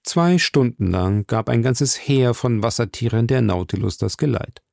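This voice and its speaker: Gravelly-voiced man reading a story. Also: medium pitch, animated, normal speed, a little mellow, dry recording, clean studio sound. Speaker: audiobook narrator. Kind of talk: scripted narration.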